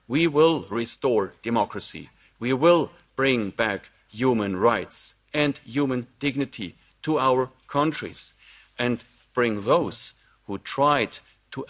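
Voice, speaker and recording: A man's voice: medium pitch, a bit bright. A man with an ordinary mid-range voice reads a formal prepared speech. He is earnest and declamatory. He builds toward a rallying call. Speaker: presenter of an initiative.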